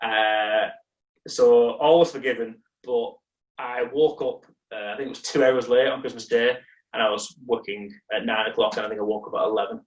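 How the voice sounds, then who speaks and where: A man's voice: medium pitch, fairly even intonation, moderate pace, muffled recording. Rambling man, distant and roomy. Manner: rambling, self-mocking, full of restarts. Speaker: podcast co-host. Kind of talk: casual chat, storytelling.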